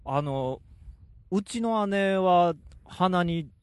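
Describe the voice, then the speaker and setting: A man's voice: high-pitched, expressive, very slow, clear, resonant tone. A man telling a funny story politely on a casual radio show. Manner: polite, humorous anecdote teller.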